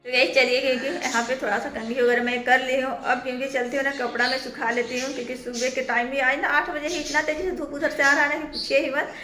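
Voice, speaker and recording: A young Indian woman vlogger narrates her daily routine as a voice-over rather than speaking to camera, rambling chattily and linking thoughts with "kyunki" (because) and "na." Her high voice is pushed and bright, with little pitch movement, and she talks fast with few pauses. Soft music plays in the background.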